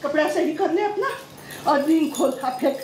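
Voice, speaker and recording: Middle-aged woman, very high-pitched, scolding and threatening, echoey room. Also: normal speed, a little mellow, a little hiss or hum. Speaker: girlfriend's mother in a prank video. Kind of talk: heated family argument.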